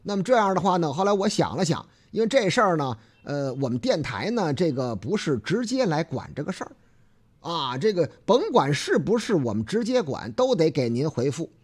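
A male radio host with a thick Beijing accent chats with listeners in a loose, folksy way, trailing off into drawn-out filler particles. His voice is animated, swinging up and down in pitch. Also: slightly rough. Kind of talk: casual radio talk show chat.

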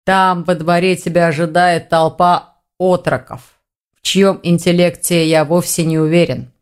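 A woman's voice: lowish voice, fairly even intonation, unhurried, natural voice. Impatient sarcastic male mage, read by a woman. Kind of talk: audiobook reading.

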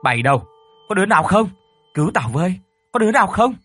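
A man playing a cruel, frightened old landowner who shouts in a horror story. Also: high voice, big pitch swings, fast, voice pushed up, exaggerated voice. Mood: terrified. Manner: shouting, panicked.

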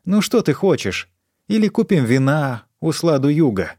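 A man's voice: big pitch swings, normal speed, a little mellow, breathy edge, no echo, studio quality. A man voicing an erratic, stoned young woman in an audiobook, rambling and repeating herself. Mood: pleading. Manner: shrill outbursts, rambling repetition. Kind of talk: audiobook character voice.

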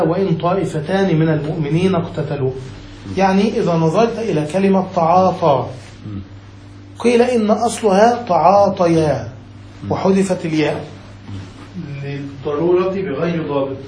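Grammar teacher, male, mellow dark tone, explains patiently, echoey room with faint background hum. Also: high-pitched, moderate pace. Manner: reads text then explains, checks students with "got it?". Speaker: sheikh teaching Arabic grammar. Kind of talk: classical text lesson.

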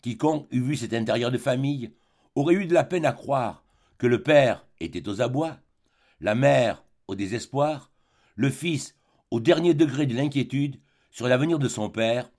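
A man reading a classic novel aloud as an audiobook, in an expressive, animated narration. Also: mid-range voice, moderate pace. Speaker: audiobook reader.

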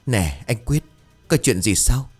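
A man's voice: on the low side, very animated, slow, darkish tone, breathy edge, soft background music, full character voice. A man voicing an anxious middle-aged village mother, pleading and tearful. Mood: worried.

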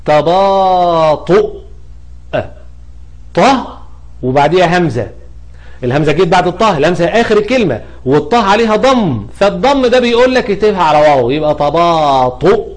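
A man's voice: sits high, sing-song, very fast. A man with an Egyptian Arabic accent teaching an Arabic spelling lesson, asking questions and answering them himself. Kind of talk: explanatory grammar lesson.

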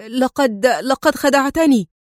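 A woman's voice: mid-range voice, a little fast, a little mellow, no room sound, studio quality, lightly acted. A woman voicing a nervous, cowardly male police inspector in a storybook reading, jittery and pleading. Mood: shocked.

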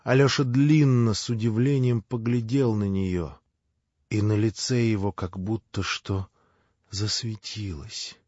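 A man reading a classic novel aloud with measured, expressive narration. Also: on the low side, dry recording. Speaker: audiobook narrator. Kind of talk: literary audiobook narration. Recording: dry, slightly dull lo-fi.

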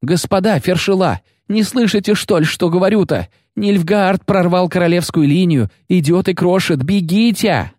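A man voicing a terrified young male soldier with a high, trembling voice, shouting in panic. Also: normal speed, hardly any pauses, no echo, studio quality. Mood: panicked.

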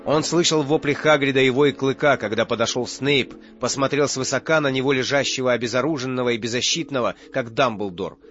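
A man's voice: medium pitch, fairly quick, hardly any pauses, a bit bright. A man reading an audiobook as narrator in a tense, dramatic way. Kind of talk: scripted narration. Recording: muffled audio with faint music.

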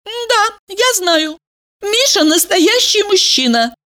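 A woman voicing a stubborn young woman in love, speaking high and defiant. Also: big pitch swings, moderate pace, fairly bright tone, full character voice. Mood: indignant, stubborn. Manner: high-pitched, indignant, stubborn.

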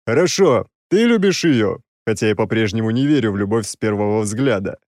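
A man's voice: lowish voice, expressive, brisk, no echo, studio quality, lightly acted. A man doing an exasperated six-armed demon. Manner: scolding, sarcastic, loud.

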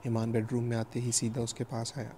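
A man reading a novel aloud as a steady, even audiobook narrator. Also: medium pitch, slight background noise.

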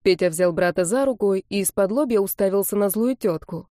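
A woman narrating an audiobook in a steady, dramatic storytelling manner. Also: mid-range voice, brisk, no room sound, clean studio sound. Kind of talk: scripted narration.

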